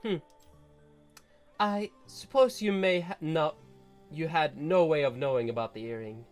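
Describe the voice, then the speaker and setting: A haughty snake-woman noble with a tragic past, speaking slowly and solemnly, as a man reads her lines. The voice sits a little high. She stays aloof. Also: soft background music, close to an everyday voice. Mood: wistful. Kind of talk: reading game dialogue aloud.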